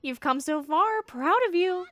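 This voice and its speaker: Woman putting on a bubbly high food-creature leader. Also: lively intonation, a little slow, dry recording. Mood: eager. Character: eager cheerful leader of a food creature squad.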